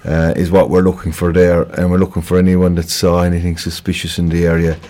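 A man's voice: low voice, completely flat delivery, a little fast, mellow. A man with a Kerry accent from Ireland giving an informal police appeal as a radio guest, conversational and hesitant, often repeating words. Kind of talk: informal crime report interview on local radio.

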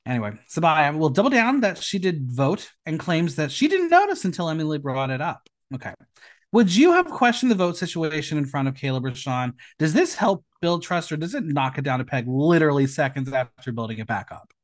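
Fairly quick and very animated, his voice leaning to the high side, a podcast host narrates a casual episode recap. He keeps it theatrical and playful, tossing in rhetorical questions along the way.

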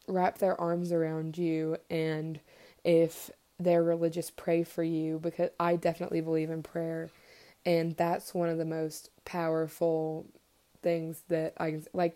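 A young woman talks in casual podcast chat, her voice a little low and mellow, and she stays fairly flat in tone. She is full of fillers and small giggles and keeps gushing about the people she cares about. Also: slow. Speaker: podcast guest.

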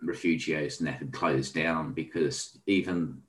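This Australian man, a guest, has a bass voice with fairly even intonation and an unhurried delivery. He rambles through a long travel story in casual conversation, often stopping to restart or say um.

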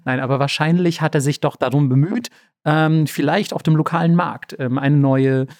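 Relaxed man retelling a fairy tale. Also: fairly high pitch, normal speed, no echo, clean studio sound. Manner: relaxed, slangy, many fillers. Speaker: podcast co-host. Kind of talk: casual storytelling chat.

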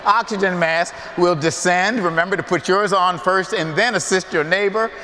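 A man's voice: sits high, moderate pace, bright, forceful tone. Man doing a rote flight attendant safety talk. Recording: long cathedral reverb.

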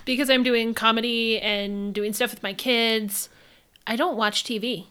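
A woman's voice: on the high side, steady tone, unhurried, a bit bright, clear, resonant tone. A woman in her thirties, a comedian with young kids, talking candidly and wryly in casual chat.

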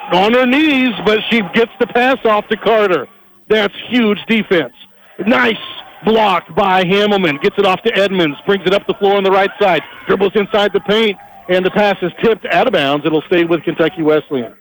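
A man calling live basketball play-by-play on a broadcast headset, rapid and energetic, his voice rising on big plays. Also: fairly high pitch, a little hiss or hum, poor audio. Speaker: play-by-play announcer.

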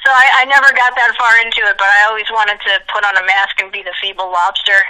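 A woman talking casually as an interview guest, telling stories in an animated way. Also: mid-range voice, quick pace, rough recording. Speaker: podcast guest, ring announcer and commentator.

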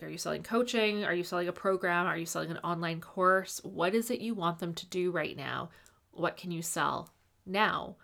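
A woman with a slightly low-pitched voice talks to viewers as a business coach in an advice vlog. She is upbeat and organised, laying out tips tidily. Her delivery is direct and encouraging, with firm emphasis on key points. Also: vocal fry, fairly bright tone. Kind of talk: advice vlog, semi-scripted talk to viewers.

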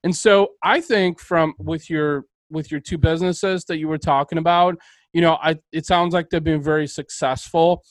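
A male podcast host with a fairly high voice. He talks with emphatic, motivational enthusiasm. The sound is dry and close, with almost no room around him. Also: steady tone, moderate pace, dry recording, rough recording. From Bulgaria. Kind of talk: interview conversation.

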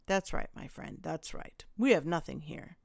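A woman's voice: low voice, expressive, moderate pace, gravelly, no room sound, studio quality, exaggerated voice. Woman voicing a wary, coaxing man.

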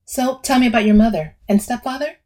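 Lady doing a gentle therapist lady, higher and brighter, poking at old wounds in an audiobook scene. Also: fairly quick, natural voice. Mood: probing. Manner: soft-spoken, probing questions. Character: gentle, probing female therapist.

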